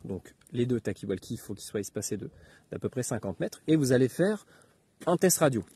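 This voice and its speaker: Halting, husky, soft-toned man giving a tutorial. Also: mid-range voice, lively intonation. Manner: halting, hesitant, with many filler words and pauses. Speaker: instructor giving outdoor radio advice. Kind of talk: informal spoken tutorial.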